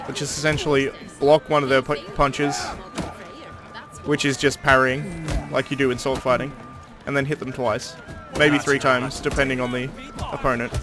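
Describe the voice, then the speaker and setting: A man talks casually through a game playthrough, explaining things in a slightly halting way. His voice sits at a middle pitch, with game music playing beneath it. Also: level tone. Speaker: gaming channel host. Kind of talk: let's play commentary. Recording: commentary over game music.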